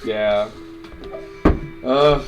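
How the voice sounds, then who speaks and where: A man's voice: on the low side, very slow, music in the background, low-quality recording. A man playing a tabletop game, hesitant when speaking for himself and brash when in character. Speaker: player.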